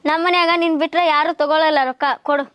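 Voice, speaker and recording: A woman's voice: high voice, level tone, quick pace, a bit bright, no room sound. A young woman playing a bossy student elder sister, speaking. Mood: scolding. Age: young adult. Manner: bossy, reproachful. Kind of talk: village short-film acting.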